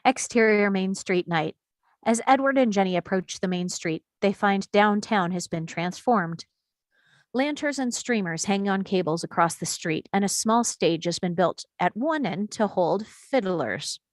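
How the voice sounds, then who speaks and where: A woman's voice: mid-range voice, expressive, a little slow, no room sound. Woman reading stage directions, dry sound. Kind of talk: table read narration.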